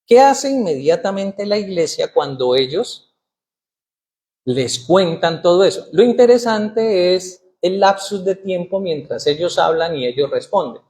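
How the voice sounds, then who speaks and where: A man's voice: high-pitched, lively intonation, a little slow, a little mellow. Man preaching a sermon, rhetorical questions. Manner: reads scripture aloud with rising emphasis. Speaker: pastor. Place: church.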